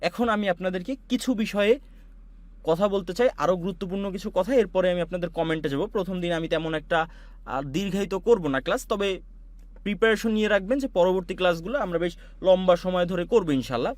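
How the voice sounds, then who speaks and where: A man from Bangladesh giving an online class, walking students through audio software with patient, repetitive explanations. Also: high voice, brisk, dry recording. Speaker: online course instructor. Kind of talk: screen-share software tutorial.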